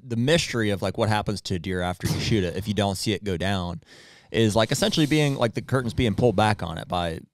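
A thirty-year-old man co-hosting a podcast, easygoing and quick to laugh. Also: on the low side, no echo, studio quality. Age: 30s. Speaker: podcast co-host. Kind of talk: casual podcast chat. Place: small podcast studio. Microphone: desk mic with headphones.

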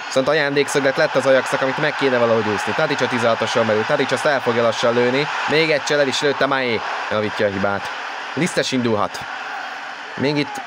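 A man giving excited, animated live football commentary that rises to shouts, as a match commentator. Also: medium pitch. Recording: loud noise under the voice.

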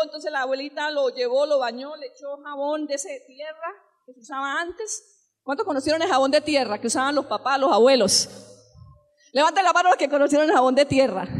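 A woman pastor preaching a sermon, telling stories and asking the congregation questions, rising to fervent exclamations. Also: high-pitched. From Colombia. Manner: asks the congregation direct questions.

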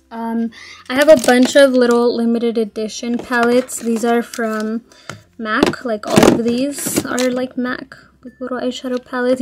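Chatty young woman in a noisy vlog. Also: a little high. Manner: chatty, frequent "like" and "you guys". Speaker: beauty vlogger. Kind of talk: casual vanity tour vlog.

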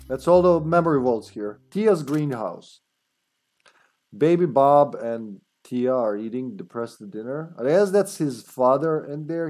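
A man's voice: medium pitch, a little mellow. A man in his thirties giving casual, rambling, joking and sweary commentary as he plays a video game. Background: faint game music.

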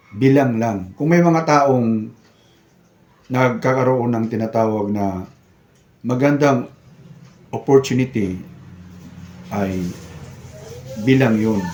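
Older male vlogger, missing-front-teeth speech, mid-pitched voice, casual and emphatic, echoey room recording. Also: darkish tone, slight background noise. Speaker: vlogger, retired security guard. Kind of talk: casual vlog chat.

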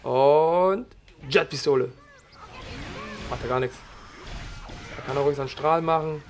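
A slightly hoarse man giving casual, slangy let's play commentary while he plays, chatting loosely between moves. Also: on the high side, measured pace, over music. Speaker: gaming channel host.

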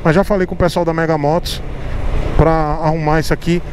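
A man's voice: fairly high pitch, little pitch movement, a little fast. A man riding a motorcycle through city traffic, explaining things to his viewers in a casual, repetitive way. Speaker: motovlogger. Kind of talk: casual motovlog talk while riding. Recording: loud street and engine noise. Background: traffic and engine noise.

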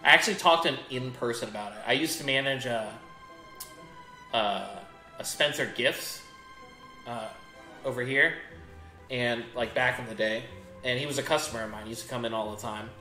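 A man's voice: medium pitch, moderate pace, long pauses, bright, forceful tone. A man chatting casually while he plays a video game, telling rambling stories with many restarts. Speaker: gaming streamer. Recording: echoey room with faint game music.

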